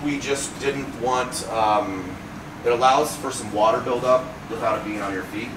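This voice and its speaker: A middle-aged man guiding a factory tour, talking casually and agreeing often with quick yeps. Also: medium pitch, steady tone, roomy sound. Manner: affirming with frequent yeps. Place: large indoor vehicle factory. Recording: noisy factory floor.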